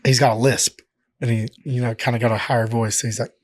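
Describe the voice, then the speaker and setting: A man's voice: mid-range voice, level tone, fairly quick, dry recording. A man, a professional fighter, telling stories as a podcast guest in a rambling, profane way, full of filler words. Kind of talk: casual podcast interview. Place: podcast studio.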